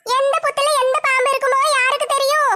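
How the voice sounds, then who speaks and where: Shrill, bright, flat-toned gossip with one eye, spiteful and meddling, in a comedy skit. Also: female voice, quick pace. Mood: taunting. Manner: accusing, taunting village gossip.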